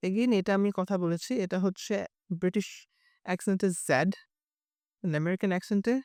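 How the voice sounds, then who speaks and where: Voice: mid-range voice, fairly even intonation, fast, mellow, smooth, no room sound, clean studio sound. An IELTS teacher with a Bengali accent gives a bilingual lesson, explaining carefully and repeating example words to demonstrate them.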